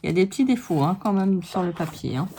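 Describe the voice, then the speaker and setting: An animated woman with a warm, fairly low voice moves at a quick pace through a casual show-and-tell of scrapbooking paper pads on her vlog. She chats with viewers and speaks plainly about each sheet, with slight background noise behind her.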